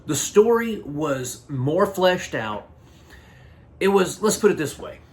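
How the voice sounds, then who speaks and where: A man's voice: sits high, expressive, slow pace. A man hosting a casual film review, talking bluntly and rambling with frequent restarts. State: hiccups. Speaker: movie reviewer.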